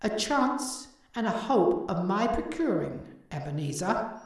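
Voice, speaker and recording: A woman's voice: mid-range voice, very animated, measured pace. A woman voicing the ghost of a dead businessman, solemn and declaiming. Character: ghost of a dead old businessman, grave and mournful. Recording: heavy echo, distant from the mic.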